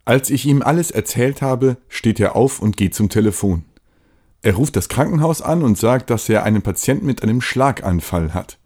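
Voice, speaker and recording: A man reading a scripted first-person account of his own story in a plain, steady way. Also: medium pitch, moderate pace.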